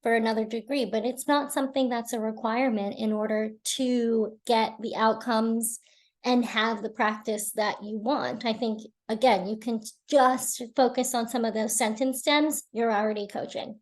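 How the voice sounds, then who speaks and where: Woman, webinar presenter, fairly high voice, earnest, encouraging, repeats for emphasis, video call mic. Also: steady tone, moderate pace.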